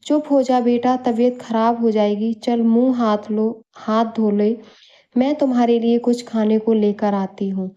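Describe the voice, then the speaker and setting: A woman voicing a gentle coaxing mother. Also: on the high side, steady tone, unhurried, highs cut off, natural voice. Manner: soft coaxing questions. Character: caring middle-aged mother, gentle and coaxing.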